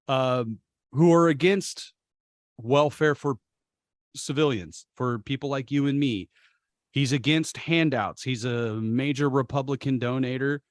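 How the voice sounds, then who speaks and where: A man's voice: mid-range voice, no echo, studio quality. A man co-hosting a casual sports podcast, talking in long impassioned rants and swearing freely. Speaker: podcast co-host.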